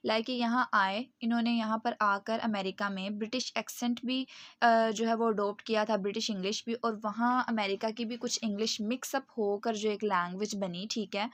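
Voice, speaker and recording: A woman's voice: on the high side, fairly bright tone, no room sound. Woman lecturing in a dry, close recording. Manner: patient explaining, often checks in with "okay", reads English passages slowly.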